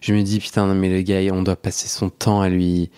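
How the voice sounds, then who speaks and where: A young man hosts a podcast, telling a story in a chatty way with frequent laughter and restarted sentences. His voice sits low, with a flat, fairly quick delivery and a mellow, clean tone.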